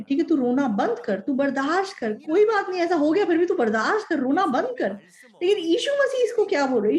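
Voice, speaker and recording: A woman's voice: high voice, darkish tone. A woman interpreting a sermon, speaking in an earnest, explanatory way and repeating key phrases.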